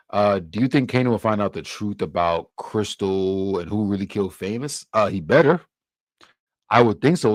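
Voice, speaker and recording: A young man from Cameroon hosts a casual livestream, answering viewer comments in a laid-back, loose way, heavy on fillers and frequent restarts. His voice is fairly low, and there is no echo.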